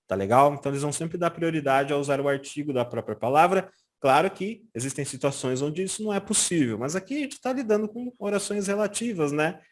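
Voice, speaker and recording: A Brazilian man teaching German in a casual lesson, often checking in with "tá?" and saying German examples slowly and carefully. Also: a little high. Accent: Brazilian Portuguese. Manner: lively, frequent "tá?" check-ins, slow careful German examples. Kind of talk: casual explanatory language lesson.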